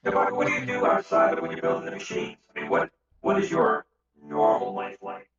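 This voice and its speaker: A man voicing a playful male alien on a podcast, with heavy echo on his voice. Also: a little fast. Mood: curious. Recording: dull, echo-drenched, loud music behind.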